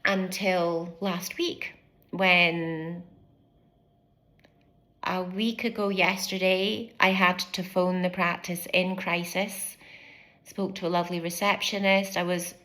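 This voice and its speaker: A woman's voice: lowish voice, slow. A British woman in her fifties, a former family doctor, telling her own story candidly and animatedly to camera, acting out the things people said to her. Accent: British English. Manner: candid, animated, acts out quoted speech; fidgets and moves while speaking. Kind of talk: personal vlog storytelling to camera.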